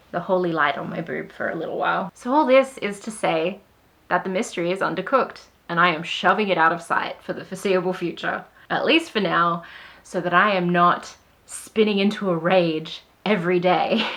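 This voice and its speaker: A woman author talks straight to camera in a relaxed, chatty vlog. Her tone is wry and sarcastic, full of self-deprecating asides. Her pitch sits at an ordinary middle height for a woman. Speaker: author vlogger. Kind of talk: casual talking-to-camera vlog.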